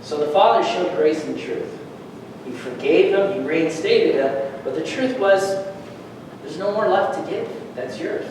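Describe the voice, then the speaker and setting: A man preaching a sermon as pastor, animated, with rhetorical questions and emphatic peaks. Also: fairly high pitch, measured pace, noisy background. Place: church hall. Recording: echoey church hall, far from mic.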